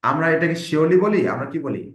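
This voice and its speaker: A man leads a classroom grammar lesson, saying each example sentence slowly and turning to his students with questions. His voice sits a little high for a man. The classroom sound is roomy and echoey. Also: animated. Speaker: IELTS instructor.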